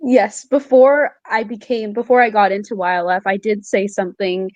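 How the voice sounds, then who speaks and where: Casting note: young woman student, mid pitch, halting and filler-heavy, dry close recording. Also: steady tone, dry recording, dull audio. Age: young adult. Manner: hesitant, many "like" and "um" fillers. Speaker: guest student. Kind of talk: casual interview chat.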